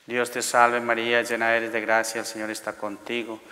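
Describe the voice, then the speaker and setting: Bright-voiced man praying in cathedral echo. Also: mid-range voice, monotone. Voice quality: echoing, as in a cathedral. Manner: measured, formulaic recitation. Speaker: priest leading the rosary. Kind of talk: recited liturgical prayer. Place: large church interior, seated by the altar. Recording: long echoing reverb of a church.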